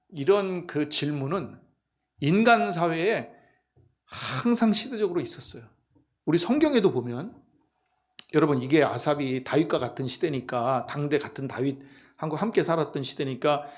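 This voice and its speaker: A man's voice: a little high, normal speed. A male pastor giving an early-morning sermon in a conversational style, often checking in with the congregation and acting out the boasts of the people he describes. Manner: conversational preaching, quizzing the congregation with repeated "예?"; acts out the boasting of the wicked in lively voices.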